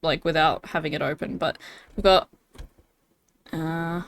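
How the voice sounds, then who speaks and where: A woman's voice: deep voice, fairly even intonation, a little slow, creaky. A young woman streaming live, chatting casually and giggling often, with lots of fillers. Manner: bubbly and giggly, many fillers.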